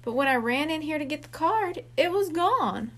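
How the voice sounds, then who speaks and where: Worried older boy in a storybook, earnest and unhurried, high light voice, read by a woman. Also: animated. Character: friendly older boy babysitting siblings.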